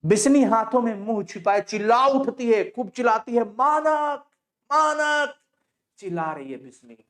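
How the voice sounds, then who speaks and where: A male teacher explaining a play to students, retelling scenes and quizzing them with quick questions. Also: high voice, animated.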